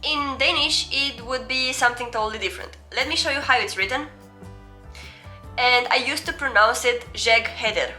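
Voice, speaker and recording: A woman's voice: high voice, bright, forceful tone, soft background music. A young woman from Romania with a Romanian accent gives a casual, chatty, self-deprecating language lesson, sounding out foreign words as examples. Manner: reads out foreign words slowly as examples between explanations. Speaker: video host.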